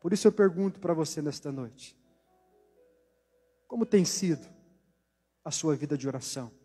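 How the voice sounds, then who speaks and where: A man preaching a sermon with a Brazilian Portuguese accent, delivering slow deliberate phrases that trail off softly at their ends. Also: a little high, expressive, husky, faint music behind. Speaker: pastor. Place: church hall. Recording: long church hall reverb.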